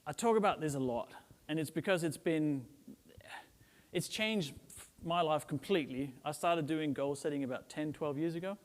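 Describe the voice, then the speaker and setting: At a normal pace and fairly high pitch, a middle-aged Danish man delivers a relaxed, joke-filled conference talk to an audience present in the room. The large hall is reverberant, and he fills his chatty points with "um" and a recurring "right?"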